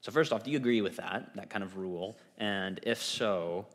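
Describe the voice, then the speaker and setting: Church podcast host, male, low and easygoing, long room reverb. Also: moderate pace. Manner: relaxed, asks questions, reads quotes. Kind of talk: casual church podcast interview.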